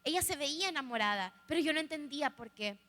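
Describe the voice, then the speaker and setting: A woman's voice: sits high, lively intonation, fast talker, bright, forceful tone. A young woman with a Salvadoran accent giving a candid, humorous personal testimony that speaks directly to a live audience. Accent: Salvadoran Spanish. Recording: echoey hall, live stream.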